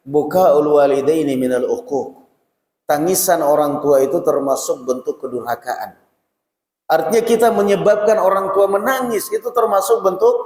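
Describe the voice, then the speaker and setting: A man with an Indonesian accent preaches at a mosque study session in a slightly high voice. He is lively and acts out parents and children in quick asides. The sound carries the long echo of a large mosque hall. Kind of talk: sermon.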